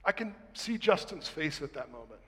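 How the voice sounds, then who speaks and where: A man delivers an impassioned sermon in a voice set a little high for a man, rising to loud emphasis and dropping to near-whispers. His words echo with a long reverb through a large hall. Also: sing-song, slightly rough. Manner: dramatic, swings from loud to hushed, slows for emphasis. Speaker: pastor.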